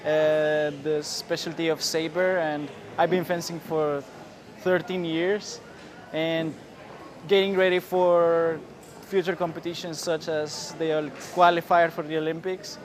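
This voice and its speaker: A man from El Salvador, a saber fencer, talking about his training in a halting way with many pauses. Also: fairly high pitch, flat delivery. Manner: halting, pausing often. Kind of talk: short interview statement. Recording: crowd noise outdoors.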